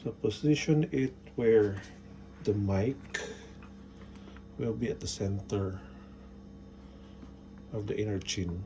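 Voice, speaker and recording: Narrating a hands-on installation demo, a man gives casual, short instructions one step at a time. His voice is mellow and on the low side, with faint background noise in the recording.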